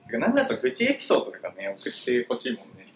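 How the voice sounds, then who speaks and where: A woman's voice: rumbling low, huge pitch swings, rapid-fire. A woman co-hosting a podcast in casual chat, mostly giving short replies and blunt remarks. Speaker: podcast co-host. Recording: noisy room.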